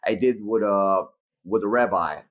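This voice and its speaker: A man's voice: fairly low pitch, unhurried. Israeli man telling a story on a call. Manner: animated, acts out quoted dialogue. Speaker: stand-up comedian guest. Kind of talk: casual storytelling chat. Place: indoor room, video call. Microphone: webcam on video call.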